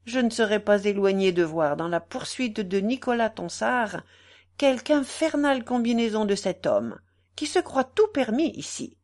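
A woman reading aloud, voicing a grown male village priest who speaks earnestly and gravely. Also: mid-range voice, lively intonation, moderate pace, darkish tone, natural voice.

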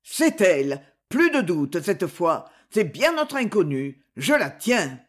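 A woman reading an audiobook, voicing a furtive, greedy male henchman in a low, gloating mutter. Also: sing-song, slow pace, exaggerated voice.

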